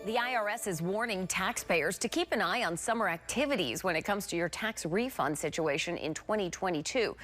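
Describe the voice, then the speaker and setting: A woman's voice: medium pitch, lively intonation, fairly quick, few pauses, a bit bright, faint music behind. A woman reporting in a scripted news narration style.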